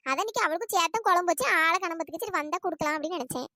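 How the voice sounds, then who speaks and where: A squeaky fussy village auntie. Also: rapid-fire, pushed and bright, dry recording, clean studio sound. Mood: chatty. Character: fussy older village woman, fond cook. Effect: pitched-up cartoon voice.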